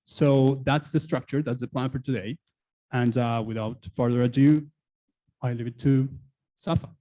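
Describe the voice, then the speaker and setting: A man moderating a conference plenary in a mid-pitched voice. He talks casually and hesitantly, filling gaps with ums as he lays out the plan. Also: fairly even intonation, normal speed, dark tone, rough recording. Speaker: panel moderator. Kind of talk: conference panel introduction. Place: conference hall.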